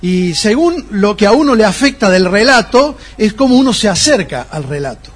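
Husky, high-voiced preacher teaching a congregation. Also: male voice, sing-song, moderate pace. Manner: teaching, asks the congregation rhetorical questions. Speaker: pastor. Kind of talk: sermon.

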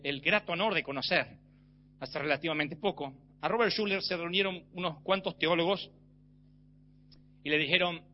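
Male preacher, high register, forceful sermon delivery, muffled lo-fi sound with a light hum. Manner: emphatic, rising to shouts. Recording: slightly dull with faint hum.

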